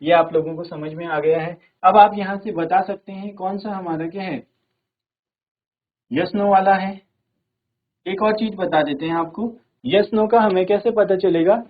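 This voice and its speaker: A man with a fairly high voice teaches a virtual classroom lesson. He explains step by step, often checking in with the class, and reads English examples slowly. The sound is narrow and phone-like. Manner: explains step by step, repeating "theek hai" often. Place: studio.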